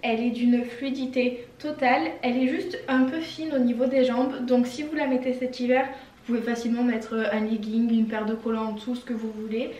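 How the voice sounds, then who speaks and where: A woman's voice: on the high side, fairly even intonation, brisk, dark tone. A young French-speaking woman chatting casually and enthusiastically while trying on clothes for a haul video. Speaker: fashion vlogger. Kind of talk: casual try-on haul chat. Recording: echoey room, mic some distance away.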